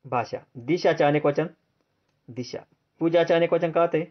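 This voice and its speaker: A man with a Marathi accent teaching a grammar lesson, drilling students with repeated questions and answering them himself in a lower, softer voice. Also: moderate pace. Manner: answers drop low and soft. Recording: dull lo-fi sound.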